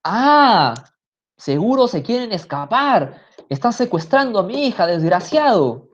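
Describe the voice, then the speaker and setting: A woman voicing an angry middle-aged mother who shouts and scolds, in a dull lo-fi recording. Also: medium pitch, sing-song, unhurried, pitched above the performer's own voice. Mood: furious shouting.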